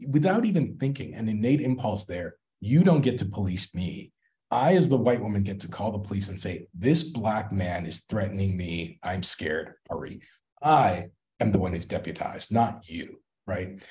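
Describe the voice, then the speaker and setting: A man's voice: on the low side, darkish tone. A man in an academic interview, reflective and emphatic, often checking in with "right?". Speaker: guest scholar in conversation.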